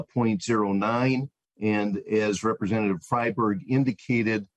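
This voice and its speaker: A man's voice: on the low side, no echo, low-quality recording. An American man giving formal public testimony as a mayor over a remote meeting call.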